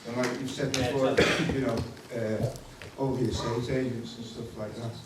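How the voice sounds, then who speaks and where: A man in the audience asking a question in a halting, hesitant way, chuckling as he goes. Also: mid-range voice, flat delivery. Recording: very echoey hall from far off, noise.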